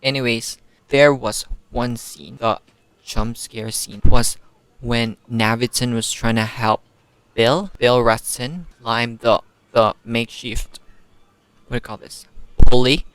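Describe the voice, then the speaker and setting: Young man, book vlogger, excitable, slangy, unhurried, smooth voice. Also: medium pitch, dry recording. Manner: excitable, slangy, rhetorical questions. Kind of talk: casual spoken book review.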